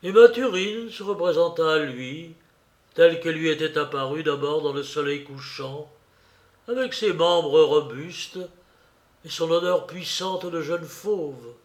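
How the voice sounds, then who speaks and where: Guy reading a novel aloud, slow and measured, kinda high-ish voice. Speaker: audiobook narrator.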